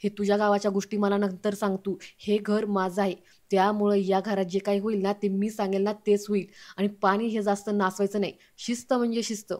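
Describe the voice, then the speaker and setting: A man's voice: high voice, flat delivery, fairly quick, a little mellow, lightly acted. A woman voicing a strict, grumpy old grandfather who scolds and mocks everyone in a recap of a TV serial. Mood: scolding. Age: older. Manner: scolding, sarcastic.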